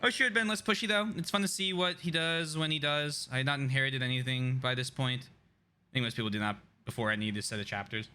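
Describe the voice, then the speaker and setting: A man's voice: mid-range voice, fast talker, pushed and bright, smooth, soft background music. A man streaming a video game live, chatting casually, laughing often and reading the chat aloud.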